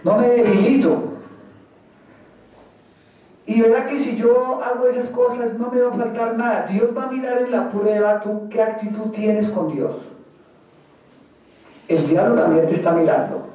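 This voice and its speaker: A man's voice: sits high, unhurried, long pauses, warm tone, muffled recording. A man from Colombia, a pastor preaching an emphatic sermon and acting out the words of believers. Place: church. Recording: very echoey church hall, mic far.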